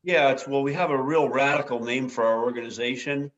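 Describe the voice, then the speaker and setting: Guest guy on a video call, relaxed, cracks jokes, audio a bit muffled. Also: medium pitch. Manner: relaxed, joking, quick asides. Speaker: guest speaker, foundation head. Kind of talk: casual webinar talk.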